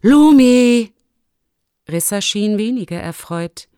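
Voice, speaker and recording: A woman narrating a children's story in a calm, measured storytelling manner. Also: lowish voice, no room sound, clean studio sound. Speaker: audiobook narrator.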